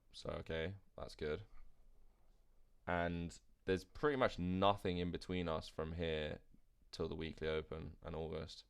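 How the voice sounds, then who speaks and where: Tired guy rambling over charts on a live stream, real low voice, kinda gravelly. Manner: rambling, thinks aloud, trails off, answers viewer chat. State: tired, yawning. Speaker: crypto trading livestream host. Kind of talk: casual live chart commentary.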